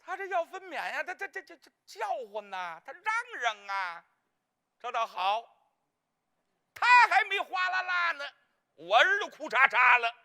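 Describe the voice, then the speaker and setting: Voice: medium pitch, expressive, moderate pace, bright, forceful tone. A performer playing a comic, gossipy married woman in Peking opera, speaking with a Beijing accent in a rambling, bumbling way. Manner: rambling, bumbling, fumbles names. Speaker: clown role in a staged opera.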